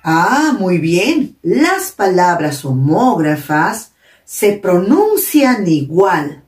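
A woman's voice: fairly low pitch, big pitch swings, very slow, darkish tone. A woman with a Peruvian Spanish accent, a primary school teacher reviewing a lesson for young pupils, encouraging and praising often. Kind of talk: recorded online class review. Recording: echoey room, mic at a distance.

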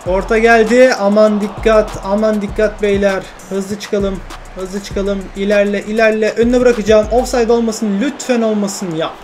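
A young man commentating his own football video game play, shouting at teammates between frustrated and joking remarks. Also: high voice, little pitch movement, moderate pace, hardly any pauses, soft background music. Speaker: gaming YouTuber.

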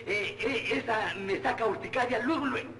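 An actor with a Mexican accent playing a cheeky, hungry young slacker, wheedling and fussy, in an old film comedy. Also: male voice, extremely high pitch, moderate pace, bright, forceful tone, exaggerated voice. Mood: wheedling, mock-polite. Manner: wheedling, impudent, fussy with diminutives. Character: cheeky, hungry, lazy young cyclist working at a tailor's. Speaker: comic actor. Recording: roomy, noisy old film soundtrack.

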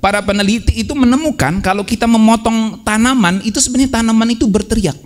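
A man's voice: extremely high pitch, fast. A man preaching a sermon in a casual, joking way, teasing the congregation with playful mock quotes and often calling them brothers and sisters. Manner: addresses listeners as "saudara" often.

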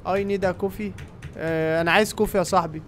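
A young man with an Egyptian Arabic accent giving excited running commentary on a game and talking to his viewers. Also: high voice, quick pace, a little hiss or hum. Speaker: gaming YouTuber. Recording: game music playing behind.

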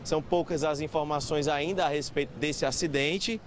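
A man's voice: fairly high pitch, fairly even intonation, moderate pace. Man reporting from a noisy street. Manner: urgent, questioning witnesses. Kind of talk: live on-scene news report. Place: busy city avenue outdoors. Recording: street traffic noise behind.

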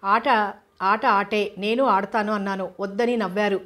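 A woman's voice: mid-range voice, fairly even intonation, a little slow, fairly bright tone, close to an everyday voice. A woman voicing a feisty, defiant little orphan girl in a storybook reading, cheeky and combative.

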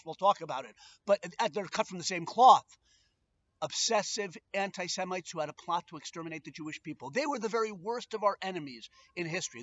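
Male rabbi, middle-aged, Brooklyn accent, high voice, playful emphatic delivery, slightly muffled outdoor camera sound. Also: a bit bright. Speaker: rabbi and presenter. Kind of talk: informal video talk with religious teaching. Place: outdoors on a back porch.

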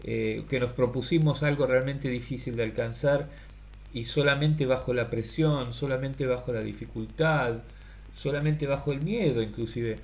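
A middle-aged man, thinking aloud in a halting, rambling monologue to a webcam in a small room. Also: medium pitch, darkish tone. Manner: halting, many fillers and restarts, thinking aloud. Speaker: philosophical vlogger. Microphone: webcam at close range.

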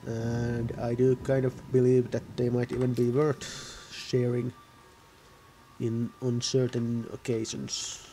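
A man's voice: medium pitch, completely flat delivery, slow pace, mellow, slight background noise. A man giving casual, rambling gameplay commentary, often correcting himself mid-sentence. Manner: rambling, self-correcting, offhand. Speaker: gaming video host.

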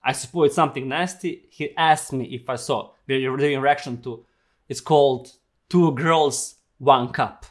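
A man's voice: medium pitch, moderate pace. A young man, a non-native English speaker, chatting casually and with plenty of swearing as the host of a reaction vlog. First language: not English. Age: young adult. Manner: profane, giggly, informal. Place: small home studio, indoors.

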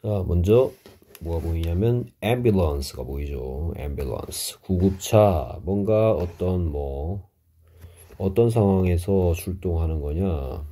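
A middle-aged man teaching English vocabulary, explaining each word slowly with Korean glosses. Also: deep voice, expressive, warm tone, slightly rough. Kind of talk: vocabulary lesson.

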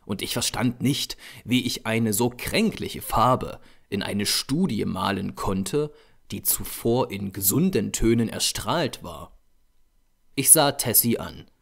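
A man narrating a horror audiobook in a measured, expressive storytelling manner. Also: lowish voice, creaky.

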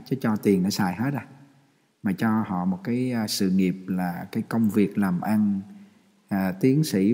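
A man's voice: on the low side, dark tone, husky. A Vietnamese-born man, a Buddhist monk, giving a folksy dharma talk to monastics, joking and laughing often. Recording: long hall reverb.

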